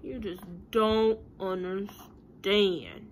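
A woman voicing an excitable, pleading, stubborn storybook pigeon, exclaiming and wheedling with emphasis. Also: mid-range voice, drawn-out words. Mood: indignant. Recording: home recording with light room noise.

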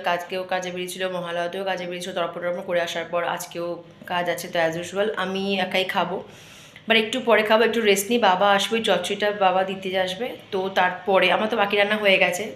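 A woman chatting casually to viewers in a home vlog, her voice congested from a cold and a sore throat. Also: mid-range voice. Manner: chatty, talks to viewers while showing around. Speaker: vlogger. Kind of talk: casual daily vlog chat. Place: home kitchen. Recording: roomy echo, faint background noise.

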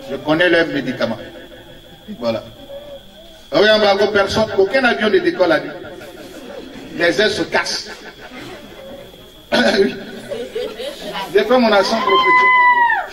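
Male preacher, high and very animated, storytelling sermon, echoey off-mic sound. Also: far from the mic. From Ivory Coast. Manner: animated storytelling with laughs and acted quotes. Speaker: prophet preaching. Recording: echoey room, speaker off-mic.

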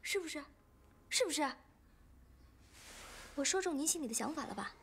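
A stubborn young newcomer actress in a film drama. Her voice sits high and she talks with defiant insistence. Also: lively intonation, moderate pace, fairly bright tone, slight background noise. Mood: accusing. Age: young adult.

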